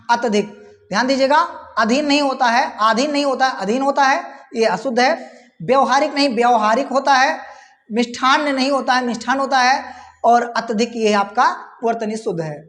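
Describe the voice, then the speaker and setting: A woman's voice: high voice, long reverb tail. A woman teacher going through exam questions, reading out the options and repeating key words. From India. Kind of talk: exam-prep lesson.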